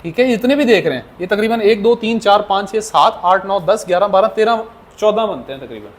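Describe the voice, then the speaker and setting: An Arabic teacher lectures a language class in a high, animated voice at a fairly quick pace. He repeats questions back to his students, drills the answers, and addresses the class as children.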